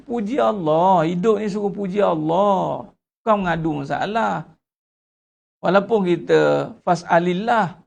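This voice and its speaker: A man preaching a sermon as a religious teacher, animated and full of rhetorical questions to his congregation. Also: sits high, vocal fry.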